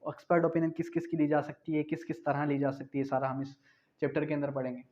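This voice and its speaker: Speaking fast in a high, somewhat mellow voice with a level tone, a Pakistani-accented man explains points of law, posing his own questions and then answering them. He moves between Urdu and English terminology, captured in dull, lo-fi lecture audio.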